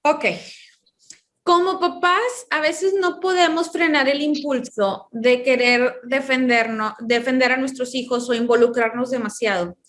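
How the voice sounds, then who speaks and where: A woman with a high voice speaks as a psychologist guest in an interview. She explains her points through long personal stories, slipping into the voices of the people in them. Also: fairly even intonation, measured pace, fairly bright tone. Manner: explains with long personal anecdotes, acting out quoted dialogue. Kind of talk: conversational interview.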